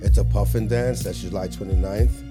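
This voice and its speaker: A man's voice: on the low side, steady tone, moderate pace. A man co-hosting a podcast, casually running through event listings in loose, repetitive, slangy talk with some swearing. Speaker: podcast co-host. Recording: music playing behind the voice.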